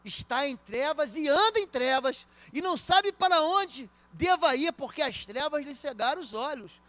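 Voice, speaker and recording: A Brazilian-accented male pastor with a strikingly high voice delivers a church sermon. He preaches emphatically, swinging from hushed asides to loud declarations. He tells stories and addresses the congregation directly. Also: lively intonation, normal speed, no room sound.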